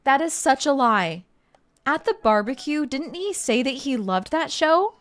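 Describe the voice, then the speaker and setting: A young woman streams a game, chatting casually and reading the game text aloud in a bubbly way. Her voice sits high with big pitch swings and an unhurried pace, typical of casual let's-play commentary.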